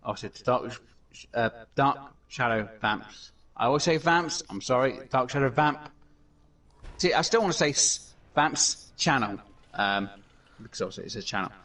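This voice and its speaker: This man hosts casual gameplay commentary for his gaming channel, rambling along with plenty of fillers and false starts. His mid-range voice has lively intonation and a sharp tone at a normal pace, picked up by a distant mic.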